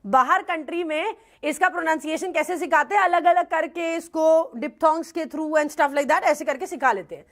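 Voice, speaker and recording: A young woman giving an English lesson, quizzing her students with quick rhetorical questions. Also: high-pitched. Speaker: English teacher for bank exams. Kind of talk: classroom lecture.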